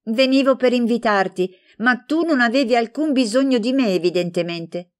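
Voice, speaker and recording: A woman's voice: fairly high pitch, moderate pace, pitched above the performer's own voice, lightly acted. A woman voicing a jealous, sulky young girl who pouts and asks reproachful questions in a storybook reading.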